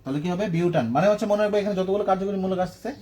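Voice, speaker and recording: A man's voice: high voice, very fast, mellow. A man teaching chemistry in a classroom lecture, asking questions and answering them himself. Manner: asks questions and answers them himself, checking "ঠিক আছে?".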